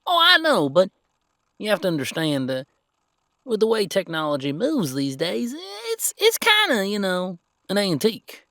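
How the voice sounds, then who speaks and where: A man voicing a chatty, folksy, excitable underground computer technician in an audio role-play, rambling along in an animated way. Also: on the high side, measured pace, dry recording, studio quality. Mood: chatty, eager.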